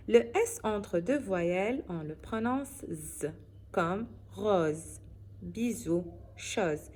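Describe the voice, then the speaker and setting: A woman teaching French pronunciation in a slow, careful way, often checking with her listeners. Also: lowish voice, darkish tone. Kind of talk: phonics lesson.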